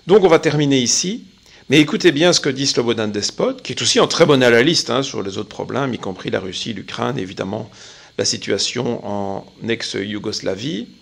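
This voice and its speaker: A man giving a measured, opinionated spoken commentary on current affairs, pausing often. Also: mid-range voice, animated, gravelly, breathy edge. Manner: measured, opinionated, with frequent pauses. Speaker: political commentator.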